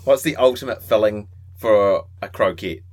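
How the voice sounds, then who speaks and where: A man's voice: fairly low pitch, normal speed. A man co-hosting a podcast, chatting casually with wry teasing. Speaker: podcast co-host. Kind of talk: casual banter.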